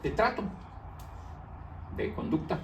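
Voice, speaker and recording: A man's voice: slow pace, recorded from a distance, a little hiss or hum. A man teaching an English grammar lesson, explaining rules patiently and repeating them, stressing each English word. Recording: echoey room, voice off-mic.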